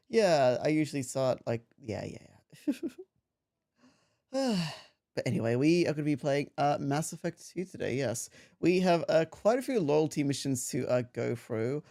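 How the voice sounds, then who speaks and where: With a higher, gravelly voice and a dark tone, a young man from Australia sounds very animated yet keeps a measured pace. He livestreams while gaming, chatting casually and rambling, often laughing and restarting.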